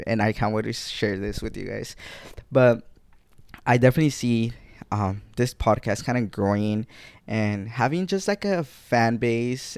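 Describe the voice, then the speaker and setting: Chatty young man with a clear voice. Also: medium pitch, a little mellow, no room sound, clean studio sound. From Guatemala. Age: 20s. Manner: rambling, self-correcting, chatty with listeners. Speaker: podcast host. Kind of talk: casual solo podcast chat. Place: home. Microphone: desk mic.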